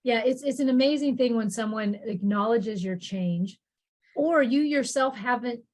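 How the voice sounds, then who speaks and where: A woman's voice: on the high side, normal speed, a little mellow. Chatty, affirming woman podcast host. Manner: chatty and affirming, with a casual turn of phrase. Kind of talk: podcast conversation.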